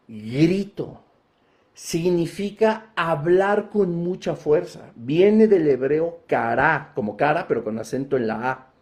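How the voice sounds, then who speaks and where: A man preaching a Bible teaching sermon, emphatic, inviting listeners to picture each scene and swelling into loud, forceful passages. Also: on the high side.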